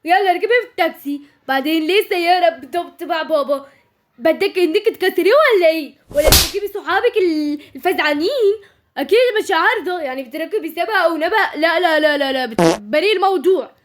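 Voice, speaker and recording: A woman voicing a bossy, teasing older brother who scolds quickly. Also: very high-pitched, lively intonation. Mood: scolding.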